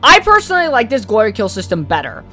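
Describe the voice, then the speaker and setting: A woman's voice: a little high, huge pitch swings, fast talker, sharp tone, faint music behind. A woman hosting a podcast, giving a casual, opinionated review in a rambling, candid way, with lots of fillers and some swearing. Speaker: podcast host reviewing a video game.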